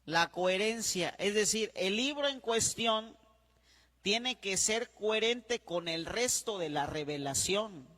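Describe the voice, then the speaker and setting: A priest lectures at a slow, deliberate pace, often repeating himself and checking in with the class. His voice sits high and bright. A long reverb hangs behind him, as if he were speaking in a large hall. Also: expressive. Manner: spells words out letter by letter. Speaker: priest teaching a diploma class.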